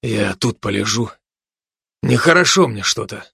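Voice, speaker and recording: A wounded, worn-out commando mutters low and faint, as a man reads him. The voice is quiet and heavy with fatigue, recorded dry and close for a storybook. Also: lively intonation, normal speed, slightly rough, no echo, exaggerated voice. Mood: weary.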